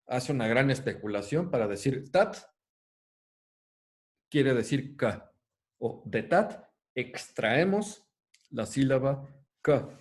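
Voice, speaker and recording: A man giving a lecture, explaining a text, slowing and rising when reading passages, with many fillers. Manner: lively delivery with many fillers, slows and lifts pitch on quoted lines.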